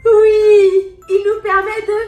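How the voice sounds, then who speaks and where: A woman hosting a children's learning video, talking slowly to toddlers in an exaggerated sing-song way with gushing exclamations. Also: very high voice, little pitch movement. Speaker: children's educational host. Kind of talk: slow, exaggerated talk to toddlers. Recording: roomy sound with soft background music.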